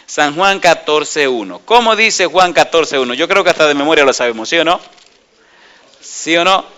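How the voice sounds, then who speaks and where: A middle-aged man preaching a sermon, animated and often asking the congregation questions. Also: on the high side, normal speed, clean tone. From Dominican Republic.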